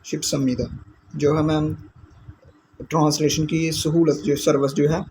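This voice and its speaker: Man teaching vocabulary in a monotone. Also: a little high, slight background noise. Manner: explains each word slowly and repeats it. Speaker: Korean language teacher. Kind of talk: explaining vocabulary in a lesson.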